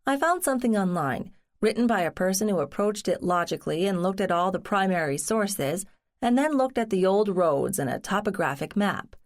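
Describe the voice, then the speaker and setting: A woman's voice: medium pitch, expressive, normal speed, lightly acted. Cozy mystery narrator voicing an earnest, wry, determined woman.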